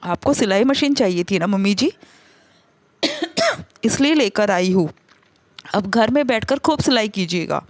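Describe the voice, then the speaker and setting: A woman's voice: mid-range voice, very animated, a little slow, pauses often, dry recording. A woman voicing a young working daughter-in-law who speaks politely and turns firm. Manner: polite, respectful address.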